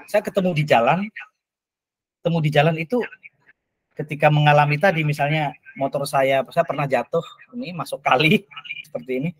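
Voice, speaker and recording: Husky, lively male teacher telling stories. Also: fairly quick, pauses often, dry recording, low-quality recording. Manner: lively, emphatic, with big swings in pitch. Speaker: teacher and podcast guest. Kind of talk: animated storytelling in a podcast. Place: studio.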